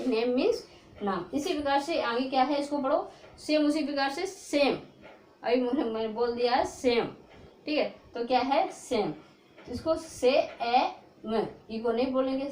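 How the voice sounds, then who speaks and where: A woman teacher explaining spelling rules to students, slowly sounding out letters and often checking in with her class. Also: high-pitched, a little mellow. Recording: echoey room.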